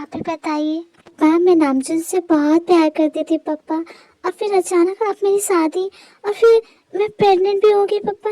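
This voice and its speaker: A high voice doing a fretful young mother. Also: dry recording. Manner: pleading, keeps saying "papa". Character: worried young mother, woman, fussy and emotional. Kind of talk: amateur fan dub drama.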